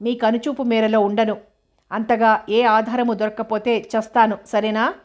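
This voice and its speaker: A woman's voice: a little high, level tone, unhurried, lightly acted. A woman voicing a tearful but defiant young woman pleading with her family, in a novel reading. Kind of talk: audiobook character reading.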